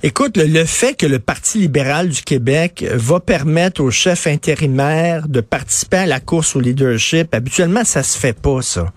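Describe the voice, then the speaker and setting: Male radio host, Quebec French accent, slightly high-set voice, dry close sound, casual and opinionated. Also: animated, normal speed, hardly any pauses, dry recording. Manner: colloquial, opinionated. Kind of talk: casual current affairs discussion.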